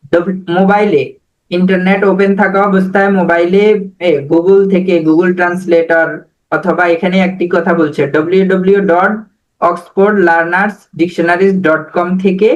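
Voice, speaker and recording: High-pitched male teacher on a video call, patient, drills words one by one. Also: low-quality recording. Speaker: online English teacher. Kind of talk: live online class teaching.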